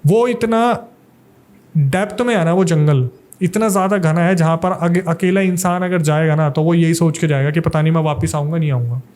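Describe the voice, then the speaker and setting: A man's voice: fairly high pitch, moderate pace, darkish tone. A young man from Delhi, a paranormal investigator, telling a suspenseful ghost story in a casual podcast interview.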